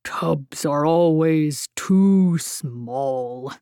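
A woman voicing a weary giant man in an audiobook, speaking slowly and gruffly. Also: low voice, mellow, no echo, studio quality.

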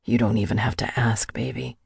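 Brief: a woman playing a husky young man, deep and murmured, a breathless lover in an audiobook. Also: fairly even intonation, fairly quick, darkish tone, no room sound, clean studio sound, heavily acted.

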